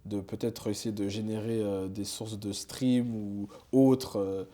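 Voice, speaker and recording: Interviewed as a guest, a young rapper from Switzerland talks in a relaxed, slangy way, often using fillers and restarting sentences. He has a lowish, warm voice with a steady tone and an unhurried pace.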